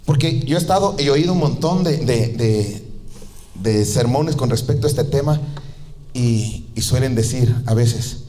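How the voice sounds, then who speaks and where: A man preaching a sermon as pastor, telling the story lively and acting out the voices of the people in it. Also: measured pace, a little hiss or hum. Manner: animated storytelling, acting out voices with big pitch jumps.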